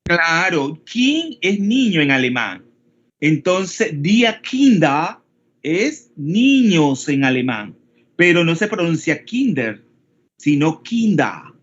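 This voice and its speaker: A man's voice: fairly high pitch, very animated, takes it slowly, a bit bright. Panamanian man teaching an online class. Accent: Panamanian Spanish. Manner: explanatory, often checks in with the class. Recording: dull lo-fi call audio.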